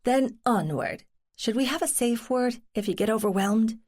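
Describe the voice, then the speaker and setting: A woman, a cozy mystery narrator, voicing a supportive woman companion who asks questions with gentle concern. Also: a little high, moderate pace, natural voice. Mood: concerned, dry.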